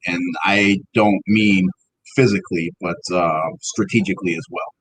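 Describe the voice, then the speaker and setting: Low-voiced rambling podcast man. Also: fairly even intonation, moderate pace, a bit bright, slight background noise, poor audio. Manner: rambling, filler-heavy, profane. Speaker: podcast co-host. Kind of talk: casual podcast chat. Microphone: home computer mic over a call.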